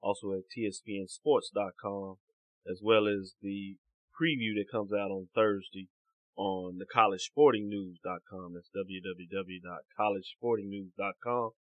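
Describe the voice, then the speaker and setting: A man's voice: on the low side, fairly even intonation, normal speed, dry recording, narrow, tinny audio. A man, a sports commentator guest, steadily reading out his contact details.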